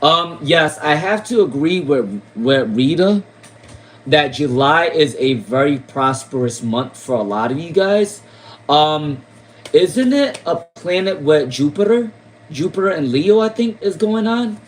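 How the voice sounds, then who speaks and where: A man's voice: fairly high pitch, lively intonation, unhurried, a little hiss or hum, rough recording. A man from Rhode Island giving casual tarot readings on a live stream, repeating names and questions with many fillers. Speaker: tarot reader.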